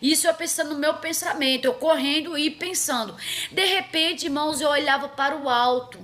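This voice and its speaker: A woman's voice: high voice, a little fast, sharp tone. A middle-aged woman, telling a prophetic dream as a testimony, repeating herself and calling her listeners "irmãos" again and again. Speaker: preacher.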